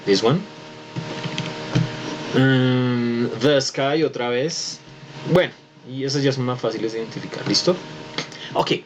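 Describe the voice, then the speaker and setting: A man's voice: medium pitch, takes it slowly, long pauses, noisy background. A man teaching English pronunciation in an online class, patiently explaining and checking in with students. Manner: switches between Spanish and English, patient explaining with frequent "¿listo?". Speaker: English tutor. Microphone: computer mic on a video call.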